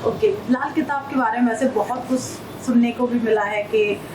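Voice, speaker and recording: A woman's voice: on the high side, steady tone, normal speed, roomy sound, background noise. A woman hosting a podcast interview, giving brief affirming replies and asking polite questions. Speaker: podcast host.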